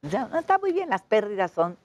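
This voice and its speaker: A middle-aged woman with a Mexican accent, a performer chatting as an interview guest and telling animated stories full of quoted dialogue. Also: medium pitch, a little fast, a little hiss or hum. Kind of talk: casual interview chat.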